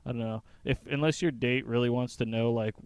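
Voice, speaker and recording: A man's voice: mid-range voice, steady tone, fairly quick, darkish tone, clean tone. A man co-hosting a casual podcast, explaining things at length with frequent fillers. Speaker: podcast co-host. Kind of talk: casual chat.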